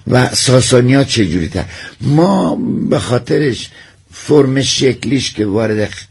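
A man's voice: medium pitch, animated, vocal fry, darkish tone, slight background noise. A man, addressed as doctor, explains word origins and folk tales in a hesitant, conversational way with many fillers. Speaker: expert guest.

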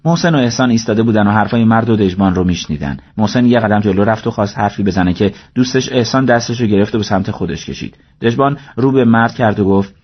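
In a dull, lo-fi recording, a man with a lowish voice narrates an audiobook story. His reading is steady and measured.

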